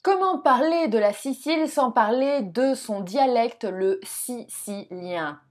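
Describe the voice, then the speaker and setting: A young woman teaching Italian in a relaxed video lesson. Her voice sits a little high, and she chats and jokes as she talks straight to the viewer. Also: takes it slowly. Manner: chatty, jokey, addresses viewer directly.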